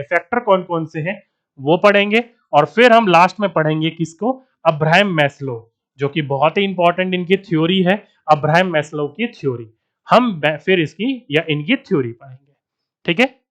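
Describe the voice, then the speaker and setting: A male coaching teacher speaks with a faint Bihari accent, and his voice sits high. He lectures to the camera in a steady explaining tone, often posing a question and then answering it himself. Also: normal speed. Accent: Bihari Hindi. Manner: addresses students as friends, asks and answers his own questions. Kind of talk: online exam-prep lecture.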